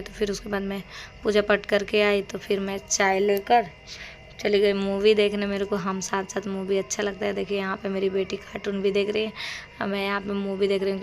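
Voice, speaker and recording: A young woman with a worn, rough voice, chatting casually through her day at home in a rambling vlog. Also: medium pitch, slight background noise. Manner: rambling, chatty storytelling of chores. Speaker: home vlogger. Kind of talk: casual daily-life vlog narration.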